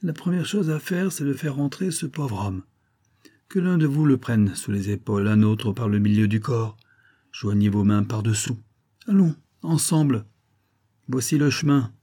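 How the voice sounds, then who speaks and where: A man's voice: mid-range voice, normal speed, mellow, no echo, studio quality, lightly acted. A man voicing a startled old English lord in an audiobook, talking in blustering, commanding exclamations.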